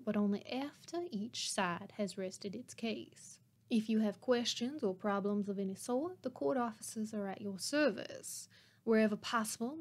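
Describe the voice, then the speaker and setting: A woman voicing a grave male courtroom judge with a put-on Georgia accent, speaking in slow, measured formal address during an audiobook read-aloud. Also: medium pitch, darkish tone, natural voice. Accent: put-on Georgia drawl.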